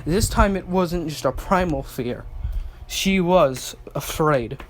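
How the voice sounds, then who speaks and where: A man's voice: on the high side, takes it slowly, slight background noise. A man reading a fan story aloud, hurrying with stumbles and restarts. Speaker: fanfic reader.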